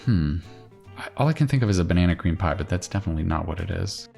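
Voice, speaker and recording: A man thinking out loud in casual puzzle commentary, musing and questioning himself as he works. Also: sits low, expressive, fast talker, vocal fry. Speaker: crossword solver hosting a solve-along video. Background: plucked guitar music.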